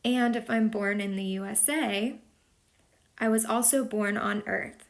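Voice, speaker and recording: A woman's voice: mid-range voice, fairly even intonation, a little slow, gravelly. A woman teacher from Texas explaining a lesson patiently, step by step, as a voice-over for a whiteboard video. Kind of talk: slow explanatory lesson narration.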